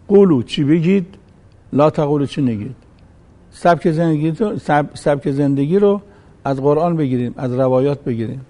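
A man's voice: medium pitch, dark tone. A man preaching a sermon, reciting Arabic verses and acting out the voices in a folk story.

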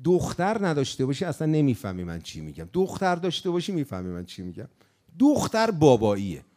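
A male preacher with a fairly high voice that swings widely up and down. He tells his sermon as a lively story and slips into chanting at times. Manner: animated storyteller, breaks into chanted phrases.

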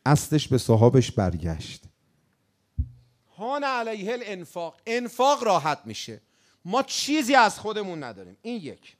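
A male preacher with a fairly high voice that swings widely up and down. He tells his sermon as a lively story and slips into chanting at times. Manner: animated storyteller, breaks into chanted phrases.

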